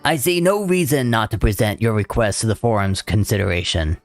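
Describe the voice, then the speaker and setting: A man's voice: a little fast, faint music behind, natural voice. A man voicing a proud older male scholar who speaks in a lofty, old-fashioned way. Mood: delighted. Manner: lofty, old-fashioned speech, raised pitch.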